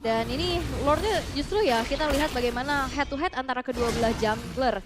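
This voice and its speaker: An animated woman with an Indonesian accent giving chatty, exclamatory live esports commentary and analysis. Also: sits high, brisk, background noise. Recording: music behind the voice. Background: music.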